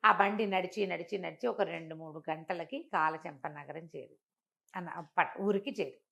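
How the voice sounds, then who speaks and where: A storyteller with a lowish, gravelly voice that sounds pushed and bright tells a moral folk tale at a moderate pace, though the audio is dull. She talks conversationally, explaining as she goes, repeating phrases for emphasis and briefly acting out bits of dialogue.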